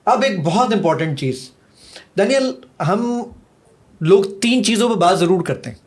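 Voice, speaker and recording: A man's voice: high-pitched, animated. A man who made an app, demonstrating it eagerly as a podcast guest and mixing English phrases into his speech. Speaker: app creator giving a demo.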